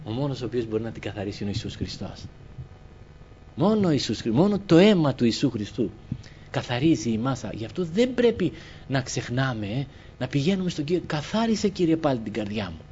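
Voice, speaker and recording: Guy preaching, kinda high voice, cries out then drops real soft, muffled recording. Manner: impassioned, swings between loud cries and soft low asides. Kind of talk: sermon. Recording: muffled recording with faint hiss.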